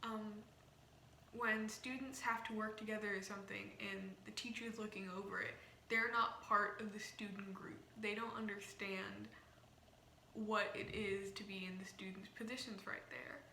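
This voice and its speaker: Bright-voiced young woman with slight lisp. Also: medium pitch, level tone, normal speed, vocal fry. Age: young adult. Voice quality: slight lisp, as if wearing a retainer. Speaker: vlogger. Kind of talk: casual rambling explainer to camera. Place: small indoor room. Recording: roomy echo, faint background noise.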